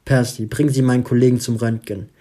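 A man's voice: mid-range voice, level tone, fairly quick, mellow, natural voice. A man voicing a stern male hospital doctor in an audiobook reading, speaking in a firm, commanding way.

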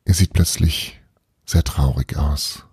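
Husky man with a dark, low voice, reading a first-person novel softly, close and dry. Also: steady tone, slow pace, dry recording. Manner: hushed, often half-whispered reading. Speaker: audiobook reader.

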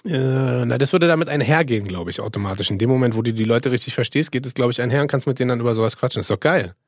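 Joking German podcast host, dry close sound. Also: male voice, mid-range voice, rapid-fire, dry recording. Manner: joking, laughs often, talks at length. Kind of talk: casual chat.

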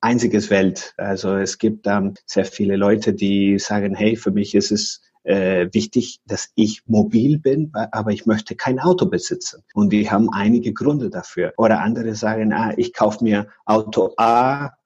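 Man, husky and lo-fi. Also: on the low side, moderate pace, few pauses, a little mellow. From Venezuela. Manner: searching for words, many fillers and restarts. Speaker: futurist guest. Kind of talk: podcast interview.

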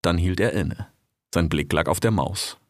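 A man narrating an audio drama in a measured, even storytelling manner. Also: low-pitched, no echo, studio quality.

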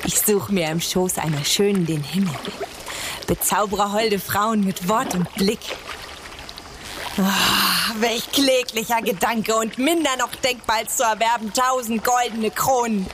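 A woman's voice: mid-range voice, unhurried, lightly acted. A woman playing a bitter, ambitious, misshapen young nobleman in theatrical classical verse. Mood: bitter, brooding. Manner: theatrical, scheming, brooding. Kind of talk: classical stage verse acting. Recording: clearly noisy ambient background.

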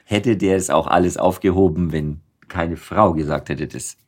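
A man's voice: low voice, normal speed. A man hosting a podcast interview, chatty and teasing. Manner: chatty, teasing interviewer who laughs easily. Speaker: podcast host.

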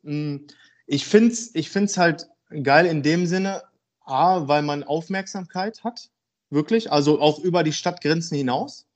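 A man in his thirties from Germany, a football player talking frankly and a bit haltingly as a podcast guest. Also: fairly high pitch. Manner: frank, rambling, hesitant. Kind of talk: casual podcast interview.

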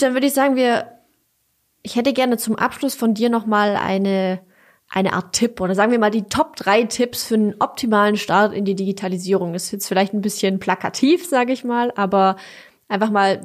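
A woman hosting a podcast interview, asking questions in a steady, even way. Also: medium pitch, moderate pace. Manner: steady, even delivery with brief affirmations. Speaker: podcast host.

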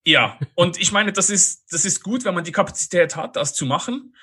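Bright-voiced Swiss man chatting. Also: high voice, lively intonation, moderate pace, breathy edge. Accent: Swiss German. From Switzerland. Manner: chatty, laughs often, many fillers. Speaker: guest, online marketer. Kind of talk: casual podcast interview.

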